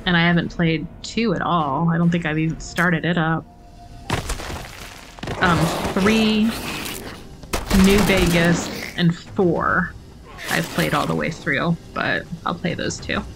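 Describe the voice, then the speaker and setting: A woman's voice: fairly low pitch, slow, gravelly, long pauses. A woman chatting casually and rambling while playing a video game, with self-mocking asides. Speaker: gaming streamer. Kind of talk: casual let's-play commentary. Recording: game music playing behind the voice.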